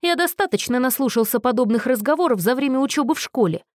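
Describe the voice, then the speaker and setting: Lady putting on a high, snarling young guy about to snap, bitter and loud, dry close audio. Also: animated, quick pace, dry recording. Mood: furious, accusing. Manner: snarling, raised, accusing voice. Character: volatile, bitter young man on edge.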